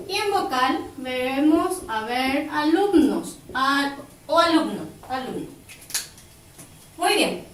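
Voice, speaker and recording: A woman teaching a grammar lesson, slowly and emphatically, stretching out key words. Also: high voice, reverberant, far from the mic, a little hiss or hum, rough recording. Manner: slow, emphatic, drawing out words.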